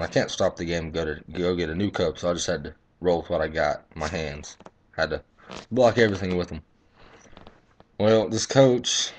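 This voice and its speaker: A young man tells his umpiring stories in a low, deep voice, blunt and full of swearing. The talk is loose and casual, like a home video vlog, with faint clicks in the background. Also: a little hiss or hum. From Texas. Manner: profane, blunt, boastful storytelling. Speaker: baseball umpire.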